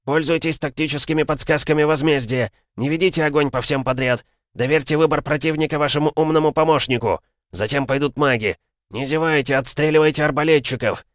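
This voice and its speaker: A man voicing a gruff army captain who barks orders at the top of his lungs. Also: mid-range voice, lively intonation, normal speed, hardly any pauses, no room sound, studio quality, voice pushed up, natural voice. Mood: shouting orders. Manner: barking orders at full shout.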